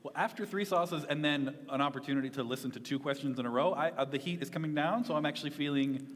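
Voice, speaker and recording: A man talks casually as a panel guest. His voice is on the high side and his delivery is extremely rapid. The sound has the long echo of a hall. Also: a little hiss or hum. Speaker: panel guest in a wing challenge. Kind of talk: casual unscripted talk. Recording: echoey hall with long reverb.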